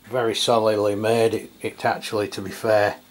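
Seated at a tabletop indoors, this English radio reviewer in middle age talks through a product off the cuff. He speaks at a moderate pace in a fairly low voice, hesitant yet matter-of-fact, over steady background noise and room ambience.

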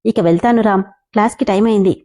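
A woman voicing a timid young woman in love who cries easily, speaking softly and pleadingly. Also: medium pitch, fast, close to an everyday voice. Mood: gentle.

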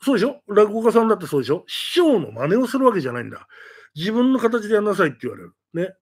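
A man with a high voice that swings widely up and down, telling ghost stories and addressing his audience in an animated announcement. He talks casually and keeps throwing rhetorical questions at his listeners. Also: very fast, slightly rough.

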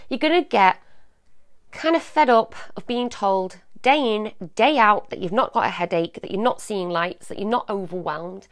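A woman hosting a live advice stream, speaking gently and reassuringly straight to her viewers and often checking in with "yeah?". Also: mid-range voice, no echo, studio quality. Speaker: host of a live advice show.

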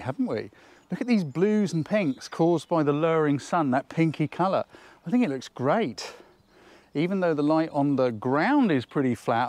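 This man's voice sits fairly high, with a darkish tone and no room sound. He's a photography tutor recording an instructional outdoor vlog on a countryside hillside, teaching with chatty enthusiasm and thinking aloud as he goes.

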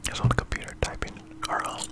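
A young man reads facts in a soft, breath-only whisper for ASMR. He is very close to the microphone in a small room and chews gum as he goes. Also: quick pace. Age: young adult. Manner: chewing gum while whispering; soft, unvoiced whisper throughout. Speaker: ASMR video host. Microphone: close condenser microphone with furry windscreen.

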